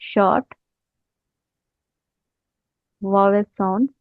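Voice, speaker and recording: A woman teaching a slow explanatory language lesson, patiently repeating each term while she writes it out. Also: medium pitch, fairly even intonation, no room sound. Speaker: Arabic teacher. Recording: dry, tinny phone-like sound.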